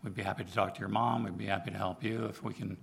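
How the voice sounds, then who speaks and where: Speaking very fast in a lowish, husky voice with vocal fry, a man gives a sermon to his congregation. He's a preacher in charge of church outreach, and he keeps things conversational, animatedly telling personal stories and acting out the dialogue.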